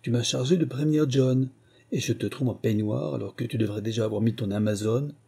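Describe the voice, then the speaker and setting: A male narrator voices an impatient young man who scolds and grumbles with indignation. His tone is mellow and a little husky, with a huffy edge. A storybook brother who is easily put out. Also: medium pitch, brisk. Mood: indignant.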